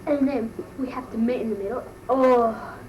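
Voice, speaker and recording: Woman doing Kylie Mole, high-voiced bratty Aussie schoolgirl. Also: moderate pace, a little mellow, lightly acted. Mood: mortified gossiping. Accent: Australian. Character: gossipy, easily embarrassed Australian teenage schoolgirl, bratty mole character. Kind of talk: amateur comic impression monologue. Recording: noisy amateur recording, distant mic.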